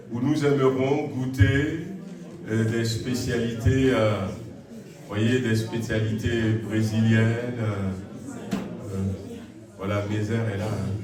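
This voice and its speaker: With a crowd audible behind him, a man makes slow church announcements at medium pitch in a steady tone. He is friendly and hesitant, using lots of fillers, and is recorded from far off in a huge, echoing indoor church hall.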